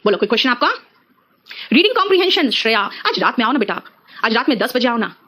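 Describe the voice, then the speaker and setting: A middle-aged woman teaching an exam-prep English lesson, calling her students "beta" and slowing down to spell out example sentences. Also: on the high side, big pitch swings, bright, forceful tone. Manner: addresses students as beta, mixes Hindi and English.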